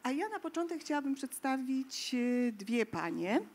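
A woman's voice: high-pitched, sing-song, normal speed. Woman moderator introducing panelists. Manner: hesitant fillers, formal introductions.

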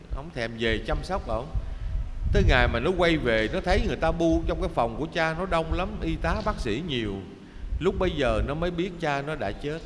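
A man, a Buddhist monk with a Southern Vietnamese accent, telling an emotive story in a sermon and calling his listeners his children. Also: mid-range voice. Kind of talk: Dharma talk storytelling. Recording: reverberant hall, faint background noise.

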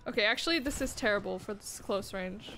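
A young woman streaming a shooter game, chatting casually, swearing and getting excited about plays. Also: medium pitch, a little fast, noisy background. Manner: excitable, swears, laughs and gasps often. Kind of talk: casual gaming chat.

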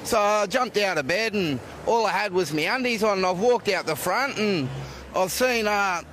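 A man, a shop owner, telling a story with lots of quoted dialogue in a chatty, animated way. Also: high-pitched, normal speed, slight background noise.

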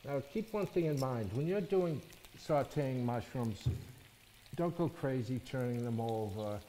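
A middle-aged male chef talks through a cooking demonstration in a warm, mellow voice. He explains each step patiently and keeps checking in with his audience. Faint noise and sizzling pans sit behind him. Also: medium pitch, expressive, unhurried, rough recording. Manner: explanatory, checks in with "okay?" and "all right?". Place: studio kitchen set, indoors.

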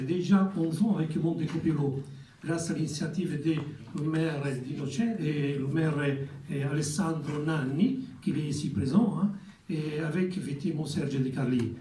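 A man with an Italian accent giving a formal ceremony speech as a community representative, halting and repeating words. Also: fairly high pitch, mellow. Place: ceremony hall. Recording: echoey hall, from far off, faint noise.

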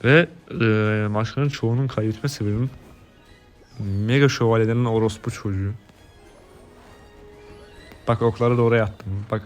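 A Turkish-accented man commentating his mobile game casually, cursing and yelling when frustrated. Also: lowish voice, fairly even intonation, normal speed, pauses often, faint music behind. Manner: swearing, yells in frustration. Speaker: gaming streamer.

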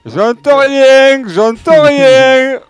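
Man as whiny creature talking back, high and shouty, childish, music underneath. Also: sing-song, slow. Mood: defiant. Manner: loud, childish, plaintive protests. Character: pitiful, defiant male Sméagol creature. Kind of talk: improvised film-scene acting.

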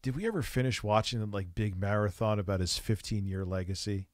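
A man's voice: on the low side, brisk, dry recording. A man streaming, giving casual, profane and mocking commentary while reacting to clips, often laughing.

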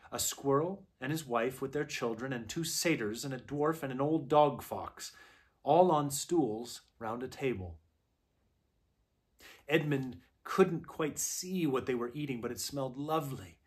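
A man calmly narrating a children's novel aloud at a gentle, measured storytelling pace. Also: medium pitch. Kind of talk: unhurried read-aloud narration.

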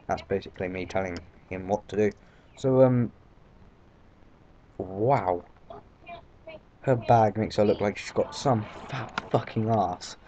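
A man's voice: on the low side, measured pace, pauses often, warm tone. A man with a British accent giving rambling, casual gameplay commentary, full of fillers and swearing. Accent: British English. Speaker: let's play commentator. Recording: dull lo-fi mic, faint background noise.

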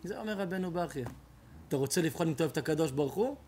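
A man, a rabbi, preaching an emotional storytelling sermon, shifting dramatically between loud outcries and hushed tones. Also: on the high side, animated, a little hiss or hum.

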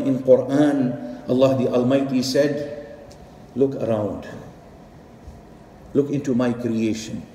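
A man's voice: mid-range voice, warm tone, slight background noise. A middle-aged man from Pakistan, preaching an earnest, emphatic sermon as an imam on a headset mic. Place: mosque prayer hall, indoors. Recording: echoey hall with long reverb.

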